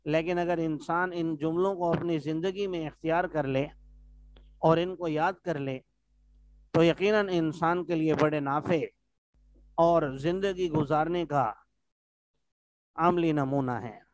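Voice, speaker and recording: Male teacher, online lesson, patient explainer, a bit high-pitched, dry close sound. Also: fairly even intonation, long pauses, no room sound. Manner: explains words patiently, asks students if they follow. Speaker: teacher of Arabic texts.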